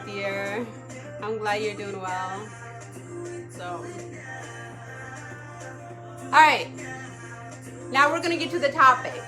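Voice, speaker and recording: A woman from Ethiopia, hosting a casual live stream and often checking in with her viewers. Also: medium pitch. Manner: chatty, often checks in with "okay?". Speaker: livestream talk show host.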